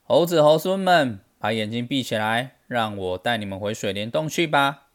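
A man's voice: lowish voice, moderate pace, a bit bright, lightly acted. A man voicing a cocky, heroic male Monkey King who talks in a boastful, teasing way for a children's storybook.

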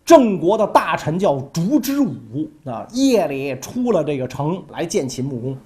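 A man's voice: a little high, unhurried. A man telling history in a casual, colloquial podcast style. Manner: animated, colloquial, acts out characters. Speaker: history storyteller.

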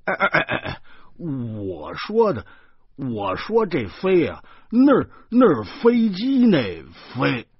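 A man's voice: a little high, huge pitch swings, slow, husky, no echo, pitched above the performer's own voice, full character voice. A man voicing a boastful man in his thirties who stutters constantly, with a Beijing accent. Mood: boastful stammer. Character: stammering pompous man in his thirties, show-off. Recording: dull lo-fi recording.

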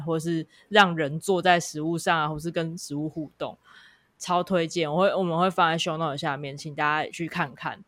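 A woman's voice: sits low, dry recording. A woman with a Taiwanese Mandarin accent co-hosting a casual podcast conversation. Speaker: podcast co-host.

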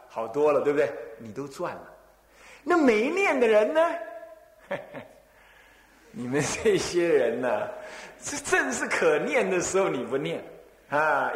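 A Taiwanese man who serves as a temple abbot delivers a Buddhist dharma talk, telling it like a lively story packed with rhetorical questions and small chuckles. His voice sits on the high side. The hall echoes, and there's a little background noise.

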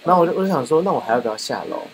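A man hosting a podcast, telling a rambling anecdote in a casual, animated way. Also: a little high, rapid-fire, low-quality recording. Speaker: podcast host. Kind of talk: casual storytelling chat.

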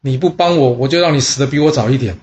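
A man's voice: medium pitch, fast, a little mellow, highs cut off, slight background noise, natural voice. A man voicing a proud, defiant ancient nobleman who schemes against his ruler. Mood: scornful.

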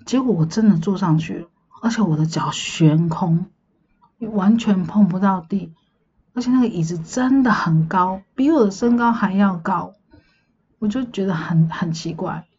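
A woman, casually telling a dream story on her podcast in a chatty, meandering way, often pausing to recall details. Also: medium pitch, darkish tone, husky, lo-fi sound. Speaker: podcast host.

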